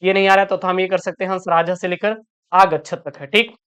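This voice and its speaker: A woman's voice: fairly low pitch, fairly even intonation, smooth. A woman teaching an online exam-prep lesson. She calls her students "beta", reads each question aloud, often repeats it, then answers it. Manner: addresses students as "beta", quick and explanatory.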